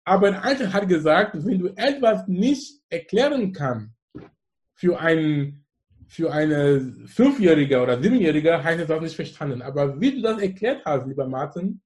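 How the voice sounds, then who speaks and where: A Cameroonian man in his forties, with a matching accent, is an interview guest, and his voice sits a little high with lively intonation and a darkish tone at normal speed. He is effusive and emphatic, and he likes to repeat phrases in this conversational interview.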